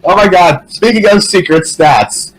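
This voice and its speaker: A man's voice: high voice, unhurried, rough recording. A man chatting casually as a podcast co-host, in a rambling, sweary way. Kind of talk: casual chat about games and anime.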